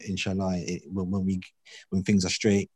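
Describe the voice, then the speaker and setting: A man's voice: low-pitched, monotone, normal speed, darkish tone, slightly rough, no echo. A man with an urban London accent, talking casually in slang-heavy roadman style as a discussion host. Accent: London, urban street. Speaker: podcast host.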